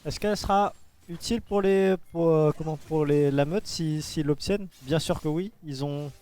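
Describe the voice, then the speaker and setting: A man's voice: fairly high pitch, normal speed, warm tone. A man giving live esports caster analysis, repeating phrases as he searches for words.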